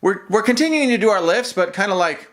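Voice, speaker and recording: A man telling a comedic personal story to camera, animated, stumbling and restarting as he acts things out. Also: sits high, fast. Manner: animated, acts out other people's voices, frequent restarts. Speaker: storyteller, channel host. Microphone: camera-mounted shotgun mic.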